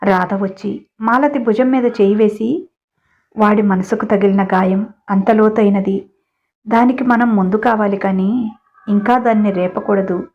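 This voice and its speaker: A woman in a middle register reads a family story aloud and voices its dialogue lightly within her steady narration. The audio is dull and lo-fi. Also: medium pitch, a little slow.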